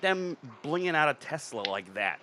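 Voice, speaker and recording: A man's voice: fairly high pitch, sing-song, normal speed. Joking man over a noisy recording. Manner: joking, casual slang. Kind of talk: casual podcast chat.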